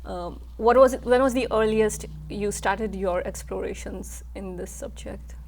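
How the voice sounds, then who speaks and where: A woman hosting an interview, eager and friendly, with a middle-pitched voice. She introduces her guest with a few hesitant fillers, and a faint hiss of background noise runs under her voice. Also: measured pace. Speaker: host.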